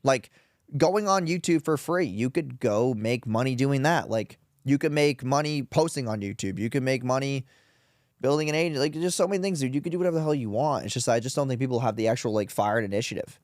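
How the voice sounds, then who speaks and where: A man's voice: mid-range voice, fairly quick, no echo, studio quality. A man who is a guest on a podcast, talking bluntly and casually, swearing and calling his host dude and bro. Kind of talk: casual interview chat. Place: podcast studio in Las Vegas.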